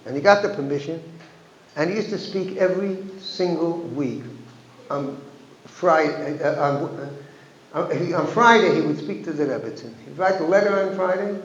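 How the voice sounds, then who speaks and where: A man's voice: a little high, moderate pace, a little hiss or hum. A male rabbi, a guest speaker, telling an anecdote at a community gathering, with frequent restarts and Yiddish phrases. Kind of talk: storytelling talk at a community gathering. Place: synagogue hall. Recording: echoey hall, dull lo-fi sound.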